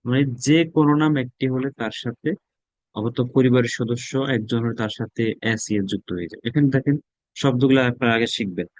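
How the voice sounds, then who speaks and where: A man's voice: mid-range voice, fairly quick, darkish tone, no room sound, rough recording. Bangladeshi man teaching spoken English. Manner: drills words aloud, repeating them, mixing in English. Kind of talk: classroom lesson.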